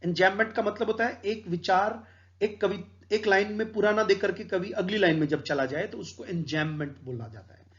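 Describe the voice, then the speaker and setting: Man, lit teacher, high-pitched, patient explanations, slightly muffled lo-fi audio. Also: normal speed, a bit bright. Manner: explains patiently, mixing Hindi with English terms. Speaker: English literature teacher. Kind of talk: exam-prep poetry lecture.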